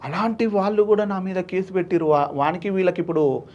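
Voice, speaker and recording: High-voiced man telling his story. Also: quick pace, lo-fi sound. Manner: animated, acts out quoted voices. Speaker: social activist guest. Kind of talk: emotional interview storytelling.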